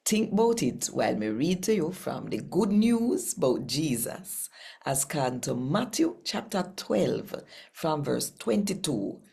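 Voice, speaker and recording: Hosting a daily scripture reading, a woman with a Jamaican accent reads expressively and speaks directly to listeners, telling the story deliberately and emphatically with pauses. Her voice is low-pitched and mellow with vocal fry, and she sounds very animated.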